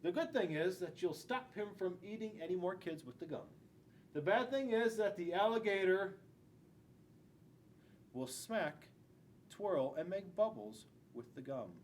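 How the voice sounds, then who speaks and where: The reader is an American school resource police officer in his forties, animated yet measured in pace, dramatically reading a picture book to children and asking them questions as he goes. He's captured indoors in a classroom by a camera a few feet away, with noticeable room noise and a low rumble underneath.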